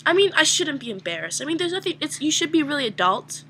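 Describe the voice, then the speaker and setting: Bright-voiced young woman telling a story. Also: high-pitched, quick pace, slight background noise. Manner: animated, self-mocking, rambling with fillers. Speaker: vlogger. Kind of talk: casual storytelling to camera.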